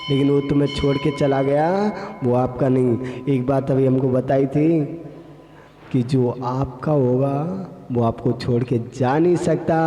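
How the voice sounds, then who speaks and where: A man's voice: a little high, mellow. A man, a Jain monk, delivers a sermon and tells a story, acting out the voices of its characters. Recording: echoey hall with long reverb.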